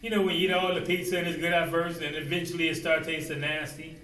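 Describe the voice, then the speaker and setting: A man preaching a sermon, asking rhetorical questions and dropping suddenly to a quiet voice. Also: fairly high pitch, flat delivery, fast, recorded from a distance. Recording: roomy echo, voice away from the mic, faint ambience.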